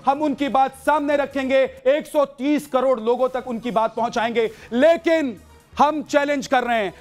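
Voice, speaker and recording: A male news anchor declaims in a loud, forceful studio delivery, hammering his points home by repeating them. His voice sits very high, and faint music plays beneath it.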